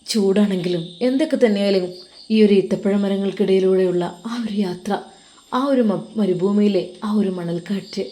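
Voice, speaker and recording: A woman voicing a devout male religious teacher who talks in a soft, kindly, patient tone. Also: medium pitch, fairly even intonation, moderate pace, natural voice. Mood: gentle.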